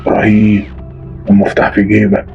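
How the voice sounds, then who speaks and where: A soft, hushed phantom whisperer calling from inside the walls, as a man telling a horror story puts it on. The voice stays quiet and close. The recording is dull, with faint music behind it. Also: on the low side, completely flat delivery, quick pace, creaky. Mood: ominous. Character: soft whispering unseen spirit voice from the wall.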